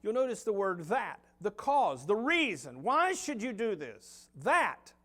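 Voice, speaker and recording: A middle-aged man with a Southern US accent preaching a sermon as pastor, swinging from loud emphasis to quiet low asides. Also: big pitch swings, measured pace. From United States. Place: church sanctuary.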